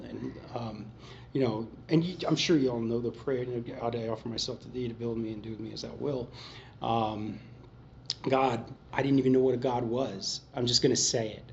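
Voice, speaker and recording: Man, recovery meeting talk, lively storyteller, mid-range voice, muffled recording. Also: mid-range voice, vocal fry. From Pennsylvania. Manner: animated storytelling, acts out voices in his head, laughs often. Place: meeting room. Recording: slightly dull, faint hiss.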